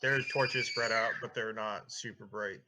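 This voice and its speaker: A man's voice: fairly low pitch, fairly even intonation, moderate pace, background noise. A man improvising narration as game master of a tabletop fantasy game, in a casual, conversational way.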